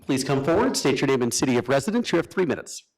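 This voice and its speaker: A man chairing a council meeting, calling speakers and keeping time in a polite, brisk way. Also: medium pitch, big pitch swings, a little mellow. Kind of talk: formal meeting procedure.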